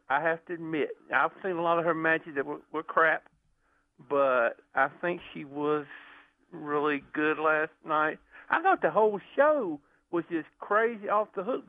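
A male caller on a radio show, his fairly high voice squeezed through a narrow, tinny phone line. He talks casually and with enthusiasm, wandering and circling back on himself as he goes. The sound is close and dry, with no room around it. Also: no room sound. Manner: rambling, enthusiastic, frequent restarts. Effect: caller heard over a phone line. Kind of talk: casual chat.

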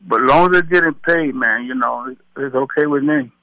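A man in his seventies, a retired boxer, talking slowly and easily in an interview, often repeating words. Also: mid-range voice, bright, forceful tone, no echo, rough recording. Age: 70s. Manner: slow, easygoing, repeats words. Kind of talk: casual phone interview.

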